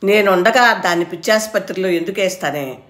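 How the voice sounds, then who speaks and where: A woman's voice: medium pitch, brisk, a bit bright, echoey room, close to an everyday voice. A woman voicing a fierce, protective older village mother-in-law who talks bluntly and scolds, in a storybook reading.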